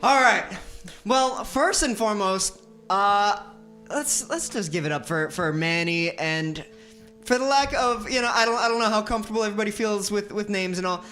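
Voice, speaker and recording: Upbeat bright-voiced game master. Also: male voice, sits high, normal speed, soft background music. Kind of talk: hosting a live tabletop game stream.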